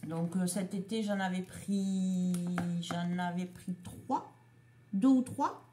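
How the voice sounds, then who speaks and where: A woman's voice: lowish voice, warm tone, a little hiss or hum. A woman chatting casually as she shows a craft haul, item by item. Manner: slow, chatty, showing items one by one. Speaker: craft vlogger.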